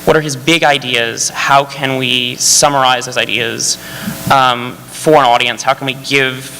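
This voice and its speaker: A man's voice: mid-range voice, little pitch movement, measured pace, vocal fry, pushed and bright. A man speaking as a screenwriter on a festival panel, eager and rambling, with many fillers and restarts. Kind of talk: panel discussion. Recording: hall reverb, faint hum.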